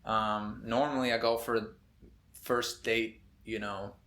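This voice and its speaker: A man's voice: on the low side, little pitch movement, slow pace, sharp tone. A man in his twenties, a medical student from Minnesota, telling a long story in a casual, rambling way with lots of fillers. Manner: laid-back, rambling with many fillers and laughs. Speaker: medical student, podcast co-host. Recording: echoey room.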